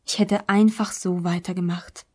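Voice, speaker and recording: A woman's voice: on the low side, steady tone, moderate pace, warm tone, natural voice. A woman reading the part of a grieving, bitter middle-aged mother who cries out shrilly, in an audiobook.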